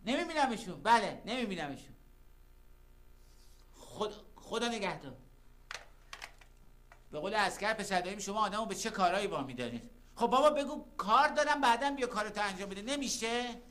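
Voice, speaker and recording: A man's voice: high voice, very animated, long pauses, bright, forceful tone, exaggerated voice. A man playing a flustered, fussy office clerk in a TV drama. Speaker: office worker. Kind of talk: TV drama acting.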